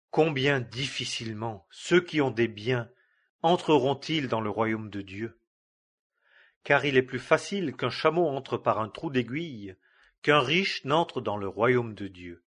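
Man reading scripture, slow measured pace, husky tone. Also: mid-range voice, fairly bright tone. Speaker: Bible reader.

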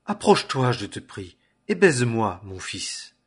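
A man reading the lines of an aged blind father in a solemn, measured way. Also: medium pitch, very animated, slightly rough. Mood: questioning.

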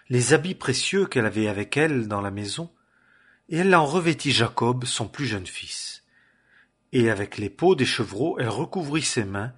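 A man reading scripture aloud in a solemn, measured way. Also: medium pitch, fairly bright tone, slightly rough. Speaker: scripture reader.

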